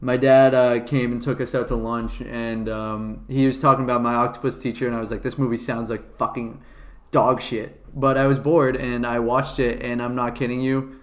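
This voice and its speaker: A young man rattles off his opinions at a quick clip, cursing freely and dropping "dude" again and again. His mid-pitched voice bounces around a roomy, echoing space, and the talk stays loose and unscripted. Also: level tone. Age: young adult. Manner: fast-talking and profane, says "dude" a lot. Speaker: podcast co-host. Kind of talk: casual chat.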